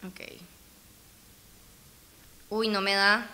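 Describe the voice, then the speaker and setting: A young woman giving excitable let's play commentary, cheering and pleading at the game and bursting into cries. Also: medium pitch, very slow. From Costa Rica. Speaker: gamer.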